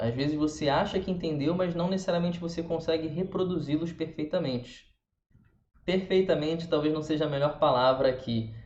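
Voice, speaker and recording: A man with a Brazilian Portuguese accent teaching a pronunciation lesson, demonstrating sounds slowly and repeating them for the viewer. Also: fairly high pitch, darkish tone. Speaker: language teacher. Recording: roomy, dull lo-fi sound.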